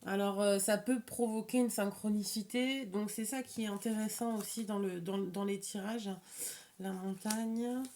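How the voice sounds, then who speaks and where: A woman with a slight lisp and slushy s sounds gives an informal, improvised card reading as an oracle reader, haltingly repeating and rephrasing her words. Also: mid-range voice, fairly even intonation, darkish tone.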